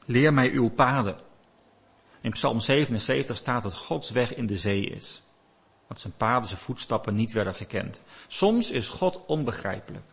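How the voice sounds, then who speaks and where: A man preaching a sermon, telling a story with animated rises and drops in his voice. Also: on the low side, moderate pace, gravelly, breathy edge.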